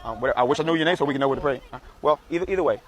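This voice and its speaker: A man doing conversational street preaching outdoors, speaking politely and calmly into a microphone. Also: mid-range voice, very fast. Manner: polite, calm. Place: outdoors in a public street or campus. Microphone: handheld or worn microphone.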